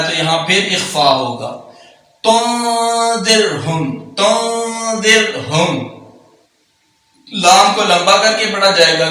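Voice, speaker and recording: A man teaches Quran recitation, switching between quick explanations and slow, drawn-out recitation. His voice is high and bright. It sounds very echoey, picked up from a distance. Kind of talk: tajweed lesson, explaining and reciting slowly. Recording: very echoey room, distant mic.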